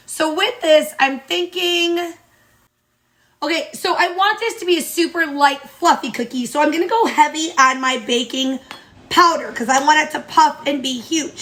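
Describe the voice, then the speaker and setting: A woman with a high-pitched, slightly bright voice, nasal and stuffy from allergies, gives a casual cooking tutorial in her home kitchen. She chats upbeat through each step of a baking recipe.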